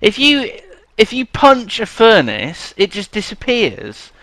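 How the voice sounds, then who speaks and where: A British man giving excitable, giggly comic gameplay commentary alongside a friend, exclaiming often. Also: sits high, slow, no echo. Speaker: gaming video host.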